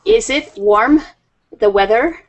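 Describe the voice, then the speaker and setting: A woman in her fifties runs an online English class from a room at home via webcam video call, chatting slowly and warmly with her students, patient and laughing often. Her voice is fairly high and unhurried, and the recording is muffled.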